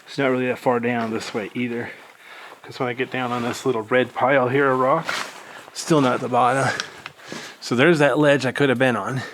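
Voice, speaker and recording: A man's voice: medium pitch, fairly even intonation, brisk, noisy background. A man narrating a casual exploration vlog inside a cave, rambling with dry humor, his voice echoing off the rock. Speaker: cave explorer filming himself.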